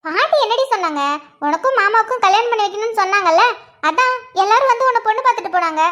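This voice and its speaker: A woman's voice: extremely high pitch, animated, racing, fairly bright tone. A woman voicing a teasing little sister. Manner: playful, gleeful teasing. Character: teasing mischievous younger sister girl. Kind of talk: animated cartoon voice acting.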